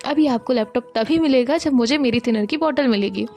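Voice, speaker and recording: A woman's voice: fairly high pitch, brisk, warm tone, faint music behind, natural voice. A woman voicing a stubborn, childish young woman who insists on getting her way. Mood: insistent. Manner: insistent, demanding.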